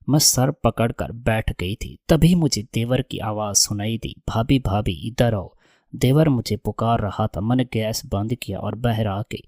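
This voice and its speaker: Man reading a story out loud, steady and even, lowish voice, dry close sound. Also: hardly any pauses, no echo. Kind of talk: first-person story narration.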